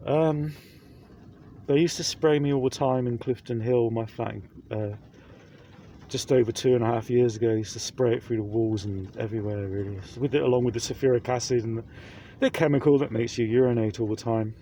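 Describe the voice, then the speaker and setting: A man's voice: medium pitch, steady tone, a little fast, dark tone, a little hiss or hum. A man talking to camera in a rambling vlog, full of fillers and restarts, speaking through a face mask. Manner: rambling, repeats himself, many fillers. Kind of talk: casual vlog monologue.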